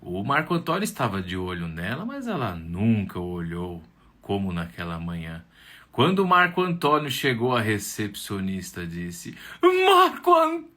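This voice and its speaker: A man with a Brazilian Portuguese accent, a camp storyteller telling a tale aloud in an animated way with tag questions. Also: sits low, moderate pace. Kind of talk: oral storytelling.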